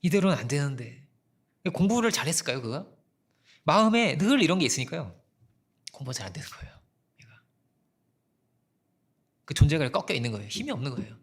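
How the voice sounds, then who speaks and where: A man preaching a sermon as pastor, telling a story in a conversational way and dropping his voice softly when he quotes people. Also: a little high. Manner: conversational storytelling, quoting people and God in soft asides.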